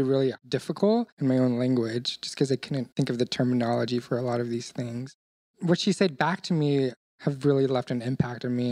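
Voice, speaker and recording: A young adult man whose first language is Vietnamese speaks English in a personal testimony, telling his family story openly and with emotion as an interviewee. His voice is medium-pitched and a little mellow, with no echo.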